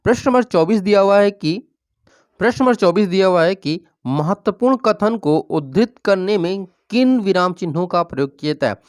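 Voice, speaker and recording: Teacher going over quiz answers, middle pitch, steady explainer, keeps checking in, dry close sound. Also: normal speed, no echo. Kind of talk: exam-prep lesson going through quiz questions.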